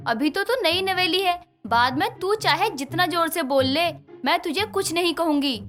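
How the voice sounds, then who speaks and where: A woman voicing a worried middle-aged mother-in-law in a cartoon story, who scolds gently. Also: very high voice, expressive, normal speed, soft background music. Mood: scolding.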